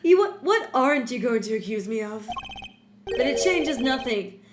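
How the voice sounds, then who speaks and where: A woman's voice: a little high, expressive, moderate pace, natural voice. A woman voicing a smug, scheming male villain in a mystery game, taunting and gloating, with music under her voice. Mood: sneering. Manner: mocking, gloating, sneering.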